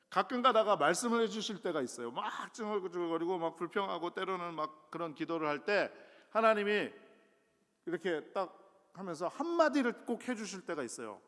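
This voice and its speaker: A middle-aged male guest pastor preaching a sermon in a conversational, self-deprecating way, with sudden loud rises. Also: sits high. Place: church sanctuary. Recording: long church hall reverb.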